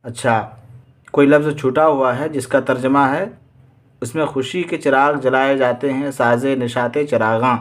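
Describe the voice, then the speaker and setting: A man's voice: medium pitch, fairly even intonation. A man with an Indian Urdu accent teaching exam vocabulary. He reads each word with its meaning, repeats it and quizzes his students.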